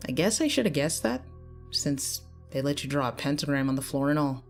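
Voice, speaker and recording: A woman doing a nasal, laid-back scruffy dude in a storybook reading, low and casual. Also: animated, fairly quick, soft background music. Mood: offhand nosy. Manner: casual, nosy, offhand. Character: scruffy young adult male entity.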